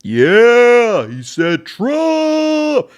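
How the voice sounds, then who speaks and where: A man voicing an outraged, yelling political hothead in a high strained pitch. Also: huge pitch swings, extremely slow, full character voice. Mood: outraged shouting.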